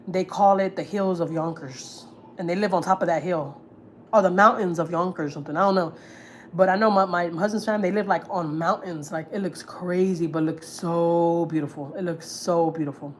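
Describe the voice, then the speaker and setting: A woman from Houston, Texas hosts a casual livestream from home, reading viewer comments and rambling with frank slang and fillers. Her voice is mid-range, with a little hiss or hum in the recording.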